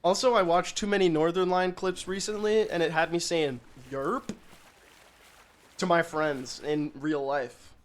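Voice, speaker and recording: A man streaming from home, chatting casually and jokingly while gaming, rambling between topics and breaking into loud bursts when reading donations. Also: fairly high pitch, steady tone, a little hiss or hum. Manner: joking, rambling, quick to laugh.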